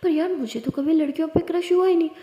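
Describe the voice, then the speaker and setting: A woman voicing a bubbly, scatterbrained young college woman who chatters excitedly. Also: high-pitched, normal speed, highs cut off, natural voice. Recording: echoey room with long reverb.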